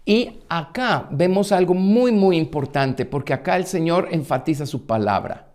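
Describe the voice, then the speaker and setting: A man's voice: on the high side, lively intonation, normal speed, darkish tone. Guatemalan pastor guy teaching a bible study, lots of "eh" and restarts, casual sermon. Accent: Guatemalan Spanish. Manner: conversational Bible teaching with many fillers and restarts.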